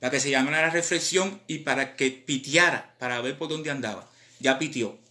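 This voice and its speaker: A man with a Cuban accent, a rapper chatting casually on a live stream in animated, slang-filled talk. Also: medium pitch, normal speed. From Cuba.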